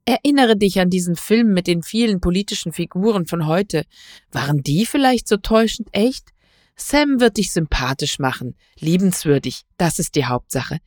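A woman reading aloud voices a brisk, sharp-tongued wife who scolds and urges her husband along. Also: animated, no echo, studio quality, lightly acted. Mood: persuading. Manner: brisk, scolding, higher pitched.

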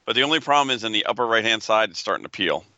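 A man's voice: lowish voice, lively intonation, very fast, bright, forceful tone, dry recording, muffled recording. A man co-hosting a podcast in casual chat, persuasive and opinionated. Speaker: podcast co-host.

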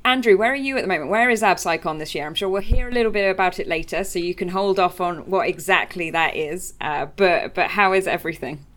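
A woman's voice: on the low side, fast, few pauses, a bit bright. A woman with a British accent hosting a casual science podcast conversation. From Britain. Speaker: podcast host, exoplanet researcher.

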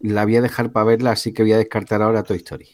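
Relaxed Spanish man, lowish voice. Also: quick pace. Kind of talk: casual film discussion.

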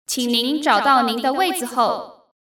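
A woman teacher reading flight notices as a female airport announcer, in a formal, measured way, as if over an airport intercom. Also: a little high, a bit bright. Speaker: Chinese teacher. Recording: roomy, distant-miked echo.

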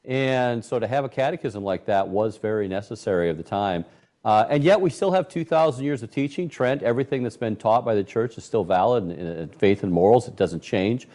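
A middle-aged man hosting a talk show, commenting on the news with indignation and animated, acted-out quotes. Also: on the low side, fairly quick. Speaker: host. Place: Michigan.

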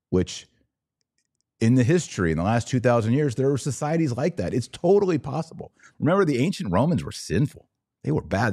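A man with a lowish, warm voice hosts a podcast offering conversational religious and political commentary. He's emphatic and opinionated, speaking in short declarative statements.

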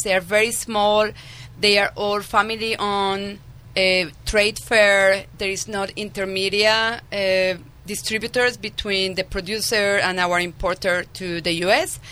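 A woman's voice: mid-range voice, pushed and bright. A middle-aged woman from Colombia, a non-native English speaker, explaining things as a guest on a radio show, with many fillers. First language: Spanish. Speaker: winemaker guest. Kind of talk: radio interview.

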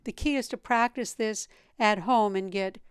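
A woman leading a guided meditation as a teacher, speaking in a calm, meditative tone with a smooth, clear voice. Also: medium pitch, moderate pace, dry recording, clean studio sound.

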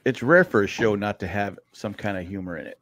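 A man's voice: fairly low pitch, a little fast, a bit bright, dry recording. A man co-hosting a podcast in casual chat, rambling along with many stammered restarts. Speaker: podcast co-host.

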